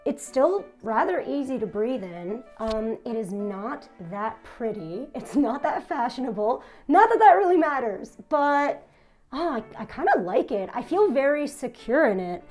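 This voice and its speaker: A woman's voice: a little high, very animated, a little slow, darkish tone, soft background music. A young woman casually reviewing products while speaking through a face mask, chatty and thinking aloud, close to the mic. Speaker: vlogger reviewing face masks.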